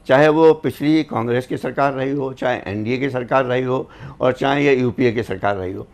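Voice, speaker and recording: A man speaking as a panelist on a studio news discussion, a former government officer who talks in a measured, reflective way and likes to quote couplets and sayings. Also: mid-range voice.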